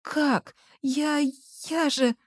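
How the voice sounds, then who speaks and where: A heartbroken young woman begs in a high, tear-choked voice, played by a woman narrating the book. The tone is mellow underneath and recorded close and dry. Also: expressive, fast talker, no room sound. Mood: sobbing. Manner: pleading, high and tearful.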